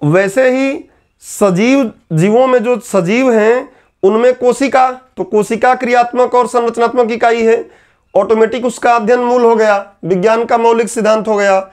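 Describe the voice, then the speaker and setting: A man's voice: very high-pitched, fairly even intonation, normal speed. A man teaching an exam-preparation lecture, explaining step by step and asking and answering his own questions.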